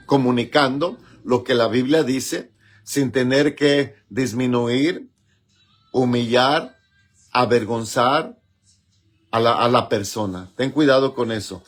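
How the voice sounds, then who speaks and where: Slow, deliberate preacher. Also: male voice, mid-range voice. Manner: slow, deliberate delivery with frequent pauses and fillers; asks listeners for agreement with repeated tag questions. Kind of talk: teaching sermon.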